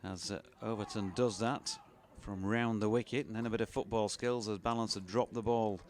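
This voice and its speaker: A man doing relaxed, chatty ball-by-ball radio cricket commentary. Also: on the low side, moderate pace, slight background noise. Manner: relaxed, chatty, with fillers and laughs between balls.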